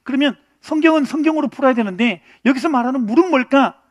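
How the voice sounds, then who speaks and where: A man teaching a church Bible study class in an animated way, often putting questions to his listeners. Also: very high-pitched, fast, dry recording, studio quality. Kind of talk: interactive Bible lesson.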